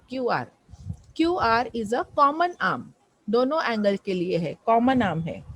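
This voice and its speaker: A woman's voice: high voice, no room sound, poor audio. A woman math teacher explaining a lesson, patiently repeating questions and prompting students to answer.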